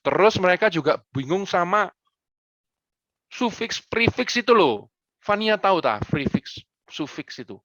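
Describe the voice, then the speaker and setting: A man answering students' questions on a video call, talking in a playful, animated way and dropping in English phrases. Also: high voice, measured pace, no echo, muffled recording. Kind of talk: lively Q&A on a school video call.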